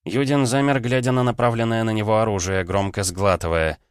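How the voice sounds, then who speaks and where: A male audiobook narrator with a smooth, resonant voice in a fairly low register. He reads first-person narration in an even, measured way. The sound is close and dry. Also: no room sound.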